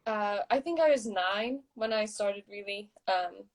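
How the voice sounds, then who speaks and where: A woman's voice: mid-range voice, measured pace. A young woman from South Africa with an American-tinged South African accent, a guest athlete chatting casually over a video call, easygoing and hesitant with many ums. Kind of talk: casual chat.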